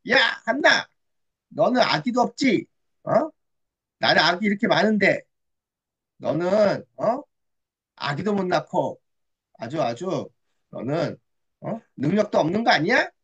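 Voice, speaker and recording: A woman's voice: lowish voice, very animated, unhurried, pauses often, husky, muffled recording, full character voice. A woman acting a rival wife who mocks a childless woman. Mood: taunting. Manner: taunting, sneering. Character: mocking rival wife Peninnah.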